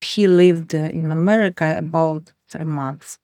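A woman with a Ukrainian accent recounting her childhood in an interview, halting and searching for words. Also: low voice, fairly even intonation, warm tone, no echo, clean studio sound. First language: Ukrainian or Russian. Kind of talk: interview storytelling.

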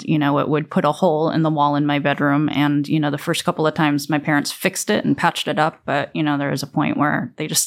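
Low-voiced woman recounting her childhood. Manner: reflective, candid, with casual fillers. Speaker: interviewee. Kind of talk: personal storytelling.

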